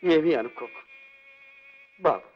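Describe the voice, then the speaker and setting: An actor playing a ruined, ill old millionaire who talks in a weary, despairing way, in a 1960s film scene. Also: male voice, a little high, expressive, slow pace. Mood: sorrowful. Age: older. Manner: weary, broken, pleading. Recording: muffled old film soundtrack with music.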